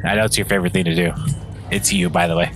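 A man's voice: low voice, steady tone, fast, a bit bright, a little hiss or hum. A man joking and teasing his friends while they play a game together. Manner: teasing, joking, mock threats. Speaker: gamer. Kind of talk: casual gaming banter over voice chat.

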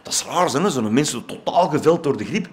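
A man's voice: on the high side, animated, fairly quick, heavy background noise. A man with a Flemish accent giving a playful speech and reading a comic poem at an award ceremony, with theatrical delivery. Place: event hall.

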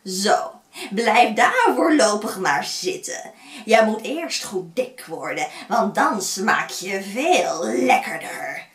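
A woman's voice: medium pitch, big pitch swings, slow pace, echoey room, distant mic. A young woman voicing a crooked, cruel old witch who speaks with a sly, cackling manner. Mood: gloating. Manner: sweet then sly, cackling.

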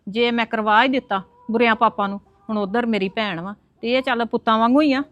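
A woman's voice: on the high side, steady tone, quick pace, a bit bright, no echo, muffled recording, natural voice. A woman acting a middle-aged aunt who defends herself and pleads in an argument. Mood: defensive. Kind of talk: web drama acting.

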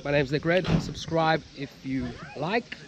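A man's voice: fairly high pitch, measured pace, a crowd in the background. A man in his thirties with a South African accent, chatting casually to a handheld camera outdoors. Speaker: vlogger. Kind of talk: casual vlog chat. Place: outdoors by river and roadside. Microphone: handheld camera at arm's length. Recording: noisy outdoor wind and vehicle sound.

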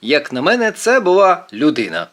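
A brash, boastful teenage boy who gets excited easily, as a man reads him in an audiobook. His voice is pushed up above a grown man's and jumps around a lot in pitch. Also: normal speed. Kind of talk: audiobook character voice.

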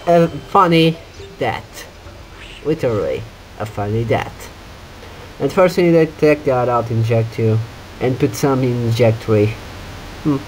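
A man's voice: medium pitch, slight background noise, poor audio. A man giving casual playthrough commentary, teasing his co-player and humming along to the game music. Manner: teasing, hums game tunes. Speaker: gameplay commentator.

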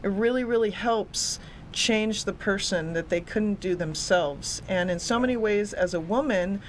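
A woman's voice: mid-range voice, a little slow. Earnest young woman, fitness coach guest, desk mic in studio, faint noise. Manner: earnest, eager, repeats words when excited. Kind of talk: studio interview, casual. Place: small studio set with a city backdrop. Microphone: desk microphone on a stand.

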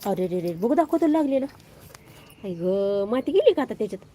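A woman's voice: mid-range voice, big pitch swings, a little fast, warm tone. A young mother talking playfully with her toddlers outdoors, coaxing and sing-song. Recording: noisy outdoor home video.

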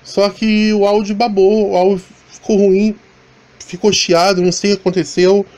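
A man's voice: high-pitched, little pitch movement, moderate pace, a little mellow. A man from Brazil with a Rio de Janeiro accent, narrating his motorcycle vlog in a casual, rambling voice-over with many restarts and fillers. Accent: Rio de Janeiro Portuguese. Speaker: motovlogger. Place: voice-over, not recorded on the ride.

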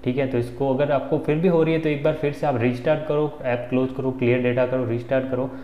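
Quick and steady, a medium-pitched male voice with an Indian accent walks through a casual phone tutorial step by step. The host is in his twenties and keeps asking whether the listener follows, and the recording from a small indoor room sounds echoey and dull with faint music behind it.

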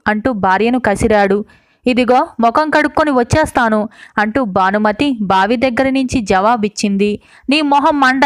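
Woman narrator for a storybook audiobook, slightly high voice, clear and resonant, dry close mic. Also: no room sound.

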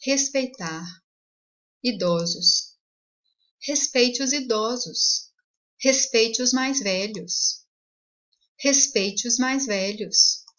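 Woman teacher going super slow over each word, a bit high, dull lo-fi sound. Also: a bit bright. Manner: clear, deliberate, repeats each example twice. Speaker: language teacher. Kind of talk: slow bilingual language lesson.

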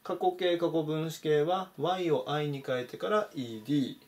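A man's voice: a little high, moderate pace, darkish tone. A man teaching English vocabulary to Japanese learners, methodically explaining meanings and pointing out pronunciation.

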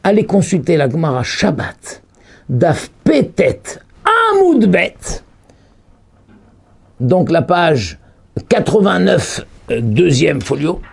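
A man, a rabbi, giving a Torah lesson as a lively storyteller who exclaims and lifts his voice when quoting people. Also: fairly high pitch, slow pace, creaky, husky.

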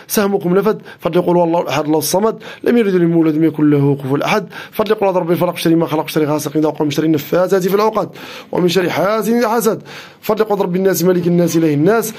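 A man's voice: sits high, darkish tone. A man with a Moroccan Arabic accent, working as a healer and reciting a long healing incantation in a rhythmic, repetitive chant. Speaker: Islamic healer.

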